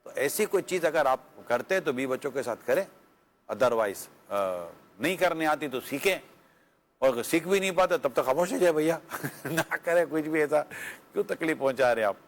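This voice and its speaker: A man's voice: on the high side, animated. A man with a Pakistani Urdu accent, a religious scholar giving earnest, conversational marital advice, full of pious phrases and rhetorical questions.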